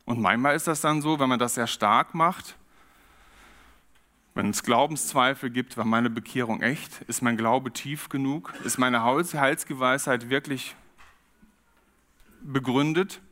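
A man preaching a sermon, reflective and steady, often posing questions to his congregation. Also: mid-range voice. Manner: reflective, poses rhetorical questions.

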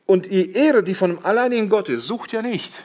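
Middle-aged male preacher, emphatic sermon delivery, slightly high voice. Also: animated, fairly quick, a little mellow. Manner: addresses congregation as siblings, quotes Jesus with emphasis.

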